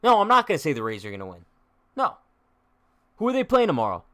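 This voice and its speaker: A man's voice: fairly high pitch, wildly swooping pitch, fast talker, a bit bright, no echo. A young man hosting a live-stream sports chat, trash-talking in a joking way, heavy on slang, and reading viewer comments aloud. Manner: slangy, says "bro" a lot. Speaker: sports show host.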